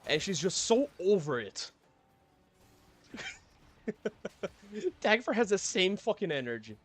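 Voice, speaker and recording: A man's voice: sits high, very animated, takes it slowly, fairly bright tone. A man streaming from his apartment, giving casual gameplay commentary in a grumbling, sardonic manner and swearing often. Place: home apartment.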